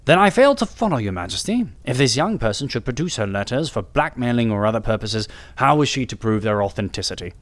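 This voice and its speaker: A man voicing an aloof, analytical gentleman detective, musing and clipped, with nonchalant hesitations, for an audiobook. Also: mid-range voice, very animated, quick pace, few pauses, natural voice. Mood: brisk, analytical.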